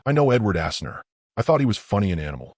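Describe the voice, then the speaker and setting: A man serves as a deadpan foil, speaking quickly in a low, husky voice that moves around a lot. The sound is dry and close. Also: no echo. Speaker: co-host foil.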